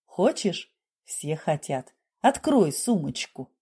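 Woman reading as a smooth scheming male doctor. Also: lowish voice, slow, full character voice. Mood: coaxing. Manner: coaxing, calmly persuasive.

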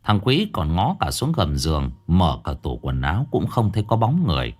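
Male horror narrator, low and expressive. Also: moderate pace. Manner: dramatic, drops pitch for suspense. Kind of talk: scripted narration. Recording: faint background music.

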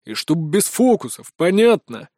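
A man's voice: high-pitched, sing-song, measured pace, darkish tone, no echo, studio quality. A man voicing a big, cold sheriff who barks threats. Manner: barking, threatening. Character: cold gruff male sheriff, big and menacing.

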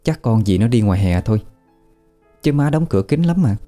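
A man voicing a young mother who soothes her frightened child in a hushed, reassuring voice. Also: fairly low pitch, lively intonation, a little fast, faint music behind, close to an everyday voice. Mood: soothing.

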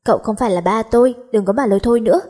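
A woman voicing a proud, feisty teenage girl with quick, cutting retorts. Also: fairly high pitch, slightly rough. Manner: sharp-tongued, quick retorts.

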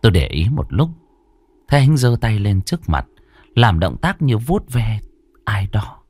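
A man's voice: on the low side, very animated, unhurried, a little mellow, no room sound. A man narrating a ghost story in a dramatic, suspenseful way.

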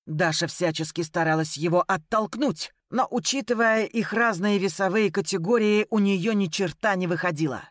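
A woman's voice: mid-range voice, moderate pace, hardly any pauses, no room sound. A woman narrates an audiobook with dramatic, emotive reading. Her voice sits in a middle register. The recording is dry and close, with no room sound.

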